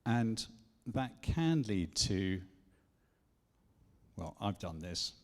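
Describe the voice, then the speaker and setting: A man from England teaches at a church conference in a relaxed, rambling way, full of asides and jokes at his own expense. His voice is low and gravelly, and a long hall reverb trails after his words. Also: very slow. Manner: chatty, self-deprecating, full of asides. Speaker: conference speaker.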